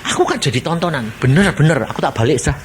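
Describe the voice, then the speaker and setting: Brief: preacher doing a sinful man in a sermon, high and whiny, lively. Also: fast, a little hiss or hum, close to an everyday voice. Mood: dismayed. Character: pleading sinful man facing judgment.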